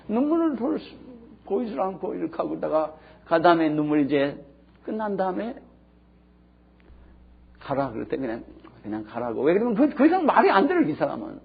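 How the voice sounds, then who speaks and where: A man preaching a sermon, telling stories with emphasis and swinging between hushed and loud. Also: high voice, vocal fry, husky. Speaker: pastor. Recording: dull lo-fi sermon recording.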